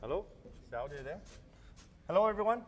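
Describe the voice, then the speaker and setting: A Danish tech presenter with a Danish accent gives a live product presentation on a large indoor conference stage, explaining things hesitantly. His voice sits high and sing-song, and he talks fast. Background noise and echoey PA reverb from the hall fill the recording.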